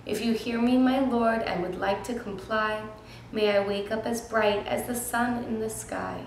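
A woman's voice: fairly high pitch, steady tone, unhurried, a little hiss or hum. A woman reading a sad little girl's pleading prayer. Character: sad young girl praying for a miracle. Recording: very echoey room.

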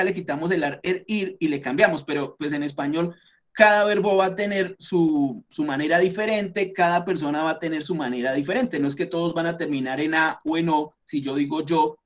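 A man's voice: on the high side, a little fast, lo-fi sound. A man with a Colombian accent teaching a class, explaining things patiently step by step and often checking in with his students. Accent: Colombian Spanish.

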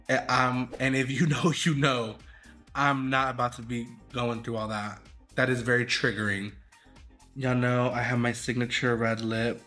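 A man's voice: mid-range voice, fairly bright tone. A man, a drag queen host, giving sassy, dramatic, shady live commentary while judging a game fashion show.

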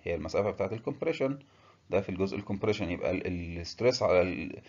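A man with an Egyptian Arabic accent giving a technical engineering lecture, explaining step by step with filler pauses and English terms. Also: low-pitched, animated, darkish tone, husky, dull audio.

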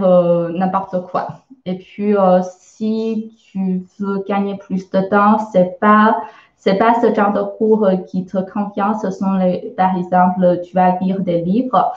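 A woman with a Chinese accent leads a live online lesson at a slow, unhurried pace, stopping often to search for words. Her patient explanations come through a roomy, slightly muffled stream recording. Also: on the low side. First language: Mandarin Chinese. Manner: hesitant, many filler sounds, patient explaining. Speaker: Chinese teacher.

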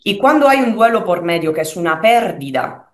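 A relationship coach in her thirties from Italy answers interview questions over a video call from a room in her home, speaking with an Italian accent in a lowish voice. She is expressive but searches for words, pausing with fillers. Her webcam picks up an echoey room.

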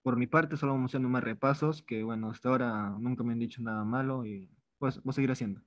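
A Peruvian chemistry tutor speaks fast in a steady, mid-range voice, captured with clean studio sound and no room ambience. In his online review class he is informal, repeating words as he writes problems on a board.

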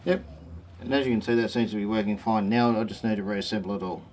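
A fairly low, slightly mellow male voice talks fast in a steady tone. The speaker, an Australian in his forties who runs a how-to four-wheel-driving channel, gives a casual DIY tutorial in a matter-of-fact, slangy, laid-back way. He's outside in a driveway and around vehicles, with noticeable ambient noise.

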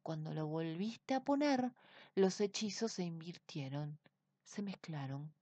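A woman's voice: medium pitch, slow pace, a little mellow, husky, no echo. A woman voicing an anxious but kind man wizard who soothes and explains. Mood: soothing. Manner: soothing, nervous.

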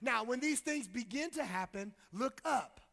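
Male pastor, high forceful voice, impassioned preaching with call-and-response and lots of repeats, long echo of a church hall. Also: lively intonation, moderate pace, gravelly. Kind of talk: sermon.

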